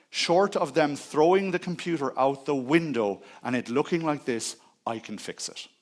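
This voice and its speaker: A middle-aged man giving a conference talk, telling personal stories in an earnest way. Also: mid-range voice. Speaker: conference speaker. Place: conference stage.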